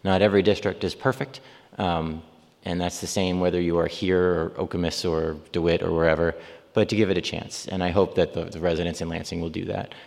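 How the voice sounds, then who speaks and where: Deep, gravelly and a little mellow, this Long Island mayor in his forties speaks briskly in a level tone during an informal talk and Q&A at a church. He wanders off track, often saying um and starting over. His words echo through the hall.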